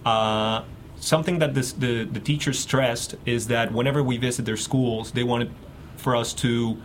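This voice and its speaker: A man from Mexico, a guest researcher in a radio interview, talking haltingly with many fillers and restarts. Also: mid-range voice, steady tone, a little hiss or hum.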